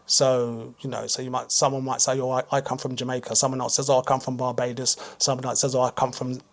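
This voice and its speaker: A British man speaking as a guest author on a radio talk show, explaining in a measured way and repeating words as he thinks. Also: medium pitch, level tone, vocal fry. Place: radio studio.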